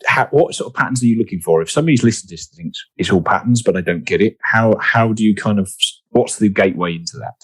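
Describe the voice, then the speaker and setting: A man's voice: on the low side, quick pace, few pauses, a bit bright, breathy edge, no echo. A man hosting a podcast interview, encouraging his guest, laughing often and circling around his questions. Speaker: podcast host. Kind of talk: casual interview chat.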